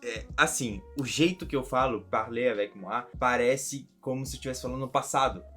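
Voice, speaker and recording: A man's voice: mid-range voice, fairly quick, pushed and bright, faint music behind. Young Brazilian man chatting casually. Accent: Brazilian Portuguese. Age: young adult. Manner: chatty, laughs often, repeats himself. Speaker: vlogger. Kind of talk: casual reaction vlog.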